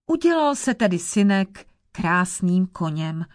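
A woman reading an old fairy tale aloud in a measured, even way. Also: fairly low pitch, dry recording, clean studio sound. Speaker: storyteller.

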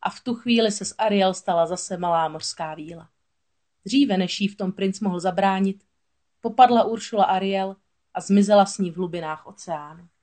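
A woman narrating a children's storybook aloud in a steady, expressive voice. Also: medium pitch.

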